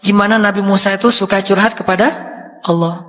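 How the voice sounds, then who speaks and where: A man's voice: high-pitched, fairly even intonation, fairly quick, fairly bright tone. A man from Indonesia preaching a sermon, telling stories in a casual, conversational way and acting out the quotes. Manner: casual storytelling with acted quotes. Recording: long hall reverb.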